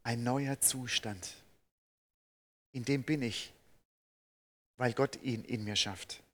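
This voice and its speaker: Earnest German-speaking preacher man. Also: mid-range voice. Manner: earnest, rises to emphatic peaks then drops soft and slow; addresses listeners directly with questions. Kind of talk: sermon.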